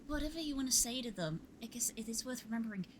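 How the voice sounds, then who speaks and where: Girl playing dnd, casual chat, high lively voice, bit of background noise. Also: fast. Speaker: tabletop game player.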